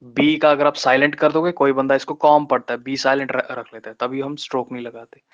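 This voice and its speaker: A man teaching shorthand in a live online lesson, explaining step by step with patient pauses and slowing down to spell out terms. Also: medium pitch, little pitch movement. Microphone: online class microphone. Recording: dull lo-fi online class audio.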